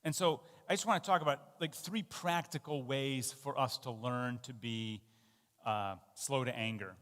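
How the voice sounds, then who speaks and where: A man's voice: medium pitch, moderate pace, a bit bright, long reverb tail. A man giving a sermon in a conversational, self-deprecating way, with fillers and restarts. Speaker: pastor. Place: church.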